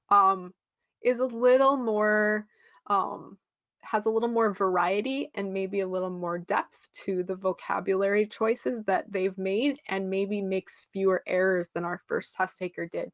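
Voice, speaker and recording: A woman walks a live online class through a test-prep lesson, friendly and explanatory, pausing on ums. Her voice sits at a middle pitch. The recording is dry and a bit dull. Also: no room sound.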